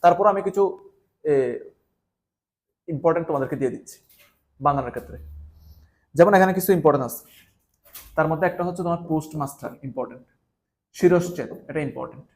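A man from Bangladesh runs an exam-prep lesson at a quick clip. He speaks straight to his students and hammers home key points through repetition. His voice sits a little higher than most men's. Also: darkish tone. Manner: repetitive, emphatic, addresses students directly. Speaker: exam tutor.

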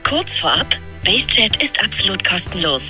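A woman's recorded voice heard over a phone line, reading a smooth automated phone menu announcement. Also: medium pitch, very animated, brisk, music in the background.

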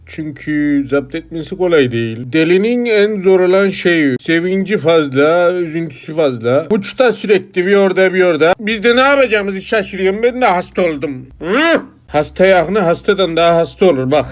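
A man's voice: high voice, lively intonation, moderate pace, hardly any pauses, voice pushed up. A man playing a worn-out parent in a comedy sketch, complaining about caring for a manic relative. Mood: weary. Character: weary male parent of a manic friend.

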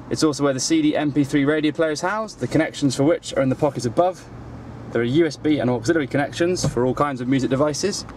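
A man's voice: on the high side, darkish tone, a little hiss or hum. A man with a Welsh accent, presenting a car in a scripted walkaround on an outdoor dealership forecourt. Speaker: car salesman presenting a vehicle.

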